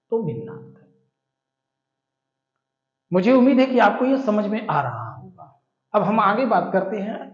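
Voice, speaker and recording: Slow, high-voiced man teaching vocabulary. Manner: slow, repetitive explaining, spelling words out letter by letter. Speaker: English teacher. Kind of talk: classroom-style explanation of vocabulary. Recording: echoey, dull lo-fi room.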